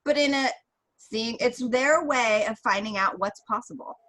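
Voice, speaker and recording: A woman's voice: fairly high pitch, moderate pace, a bit bright, low-quality recording. A woman co-hosting a casual podcast, summing up points and giving parenting advice. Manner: sums up points and gives advice. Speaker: co-host.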